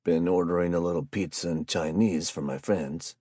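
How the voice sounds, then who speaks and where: A man's voice: deep voice, normal speed, husky, no echo. Man doing a wary, grieving homeless man. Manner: soft, guarded and plain-spoken.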